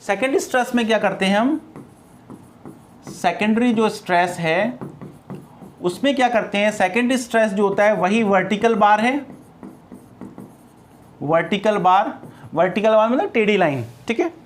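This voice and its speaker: A man's voice: sits high, moderate pace, pauses often, slight background noise. Male teacher, classroom lecture style; drills key terms and quizzes himself, mixing in English terms. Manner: repeats key terms, asks and answers his own questions; mixes English terms into Hindi explanation.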